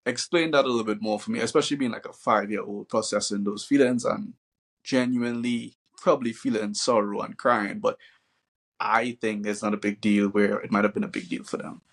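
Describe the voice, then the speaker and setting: A man from Trinidad and Tobago, a father and host, chatting in a relaxed way and thinking aloud with lots of fillers. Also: fairly low pitch, fairly quick. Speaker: podcast host. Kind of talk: casual conversation.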